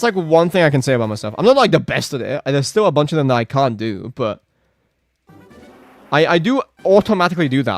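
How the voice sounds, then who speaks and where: A man chatting casually on a live game stream, rambling with lots of filler words and reacting to chat. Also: fairly high pitch.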